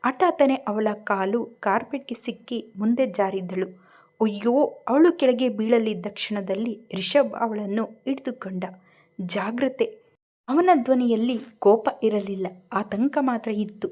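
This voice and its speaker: Expressive female storyteller. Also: fairly high pitch, moderate pace. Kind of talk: scripted narration of a romance story.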